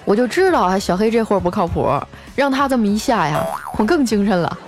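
A woman's voice: mid-range voice, sing-song, over music. Chatty woman telling funny stories. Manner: chatty, drawn-out filler particles. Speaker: host. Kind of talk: scripted comic storytelling.

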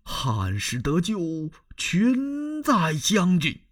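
A man's voice: high voice, huge pitch swings, dry recording, clean studio sound, pitched above the performer's own voice, full character voice. A man doing a wily old court minister. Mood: solemn. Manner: slow, hushed and persuasive. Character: cautious scheming elderly male court minister. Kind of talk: traditional Chinese storytelling.

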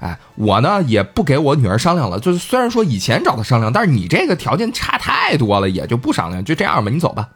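A man's voice: medium pitch, wildly swooping pitch, quick pace, few pauses, fairly bright tone, breathy edge, exaggerated voice. A man voicing a proud, snobbish older mother who dismisses people, in a casual storytelling podcast. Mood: dismissive. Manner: dismissive, brushing off.

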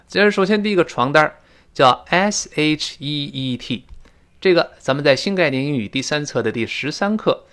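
A male English teacher giving a spoken-English lesson, switching between chatty explanation and slow, stretched-out demonstrations of how words are pronounced. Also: mid-range voice. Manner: animated, drawn-out demonstrations of pronunciation; chatty, classroom storytelling tone.

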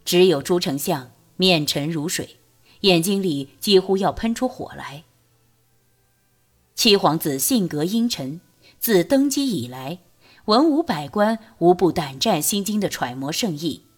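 A woman narrating a novel as an audiobook, reading in a lively, expressive storytelling way. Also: lowish voice, unhurried.

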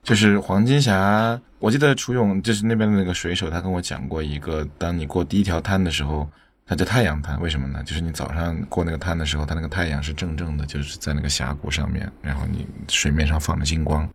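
Very deep-voiced thoughtful man. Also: steady tone, fast, gravelly, slightly rough. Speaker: podcast producer, guest. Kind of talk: reflective storytelling in conversation.

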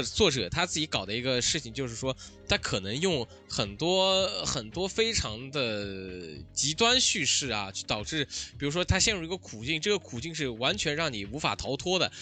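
A man's voice: mid-range voice, bright, forceful tone. A man co-hosting a casual podcast, talking in a hesitant, rambling way with many fillers. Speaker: podcast co-host.

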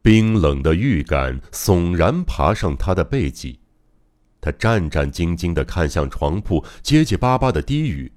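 A man's voice: low-pitched, sing-song, a little slow, a little mellow. A man narrating a mystery novel as an audiobook, in a dramatic, suspenseful reading. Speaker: audiobook reader.

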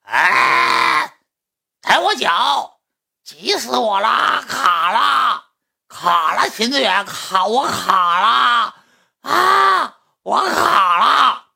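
A man doing a frantic young woman fan, shrieking. The voice jumps far above his own and stays husky. Her cries swing wildly up and down. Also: big pitch swings, very slow, full character voice. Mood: panicked wailing. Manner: shrill, wailing shouts.

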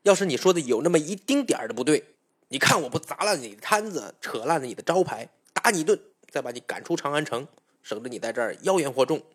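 A man's voice: a little high, expressive, fast, breathy edge. Storybook dragon king, rash and boastful, all bluster and threats, put on by a male storyteller.

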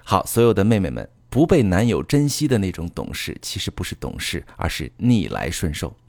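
A man's voice: low voice, big pitch swings, a little fast, vocal fry, a little mellow, no room sound. A man giving relationship advice in an earnest, instructive monologue, speaking directly to his listeners.

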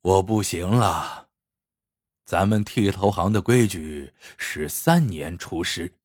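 A man voicing a strict, stern old master barber who scolds and commands his apprentices in a gruff, lowered voice. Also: expressive, takes it slowly, darkish tone, no echo, clean studio sound, exaggerated voice. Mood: grave.

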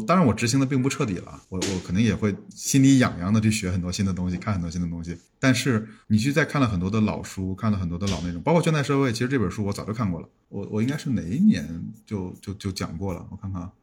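A man's voice: fairly low pitch, animated, fast, few pauses, darkish tone, a little hiss or hum. A man around forty, a podcast guest, talking casually and reflectively with frequent restarts. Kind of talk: casual conversation.

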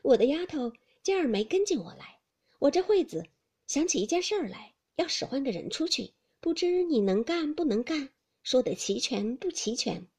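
女声演绎的精明干练的少奶奶. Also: female voice, high voice, big pitch swings, darkish tone, voice pushed up. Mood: commanding. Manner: brisk, bossy, quick orders. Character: capable, commanding young mistress of the household.

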